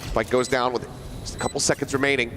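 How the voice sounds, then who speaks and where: A man working as an esports caster, giving dramatic, flowing, excited play-by-play commentary on a live match. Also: medium pitch, quick pace, background noise.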